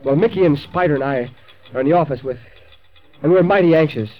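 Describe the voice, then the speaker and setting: An actor playing an earnest, steady railroad boss in an old radio drama, plain-spoken and commanding. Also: male voice, a little high, fast, natural voice. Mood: worried, subdued. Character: earnest, steady railroad superintendent in charge of crew. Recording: dull, lo-fi old radio recording.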